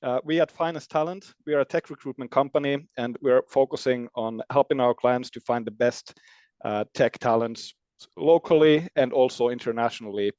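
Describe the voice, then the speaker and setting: A man's voice: mid-range voice, normal speed, darkish tone, no room sound, dull audio. A man born in Finland and raised in Germany, a recruitment company CEO hosting a presentation, talking hesitantly with many fillers and restarts. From born in Finland, grew up in Germany. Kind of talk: presentation talk.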